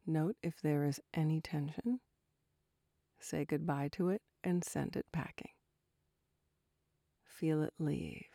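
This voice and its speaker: A woman softly narrating a guided relaxation like a sleep story, with gentle, breathy, unhurried instructions that drift toward a whisper. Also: low-pitched, steady tone, no room sound, clean studio sound.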